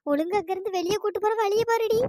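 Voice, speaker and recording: A performer with a pitch-raised voice, playing a quarrelsome village woman in a cartoon story who scolds her friends in shrill, sing-song banter. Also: racing, darkish tone. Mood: scolding.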